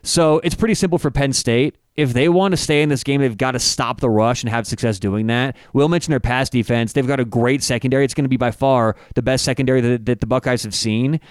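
Smooth-voiced man breaking down football stats. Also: mid-range voice, dry recording, clean studio sound. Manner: stat-heavy, halting with restarts. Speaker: sports betting analyst. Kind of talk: casual analytical sports chat.

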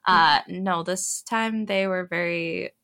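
A woman's voice: lowish voice, takes it slowly, smooth. A young woman co-hosting a casual podcast, telling stories animatedly and acting out her children's voices. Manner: animated storyteller, acts out her kids' voices. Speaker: podcast co-host. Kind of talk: casual chat, storytelling.

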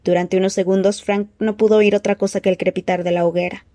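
A woman reads a novel aloud in measured, expressive narration. Her voice is mellow and dark, recorded dry and close with no room sound. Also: medium pitch, dry recording. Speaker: audiobook reader. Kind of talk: scripted narration.

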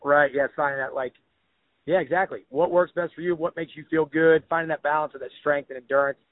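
A podcast host with a slightly high, steady voice talks briskly in an upbeat, slangy way, peppering his speech with "like" and "dude." The recording is dry and tinny, like phone audio.

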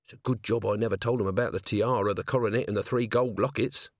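A man's voice: lowish voice, fairly even intonation, fast talker, no echo, clean studio sound, lightly acted. A man voicing a scruffy male city watchman who talks in a coarse, grumbling way.

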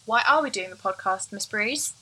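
A woman's voice: medium pitch, expressive, moderate pace, pushed and bright, slightly rough, poor audio. A young woman co-hosting a casual podcast, teasing and encouraging her friend. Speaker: podcast co-host. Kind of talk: casual chat.

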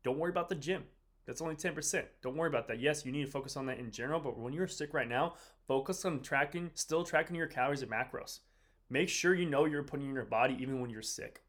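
A man's voice: on the high side, fast talker, a bit bright. A man who is sick and drained, hosting a casual motivational fitness podcast with slangy, repetitive, rambling direct address. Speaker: podcast host, fitness coach. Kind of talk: casual motivational podcast talk to a live audience.

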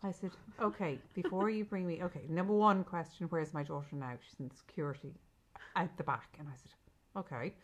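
A woman's voice: fairly low pitch, a little fast, muffled recording. A middle-aged Irish woman co-hosting a podcast with her daughter, retelling a story emphatically in casual chat and quoting what was said. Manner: emphatic, retells with quoted dialogue. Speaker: podcast co-host, mother.

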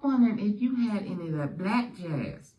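A man's voice: sits high, animated, moderate pace, dark tone, voice pushed up. A man playing a flirty lady caller. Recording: prank call played back from far off.

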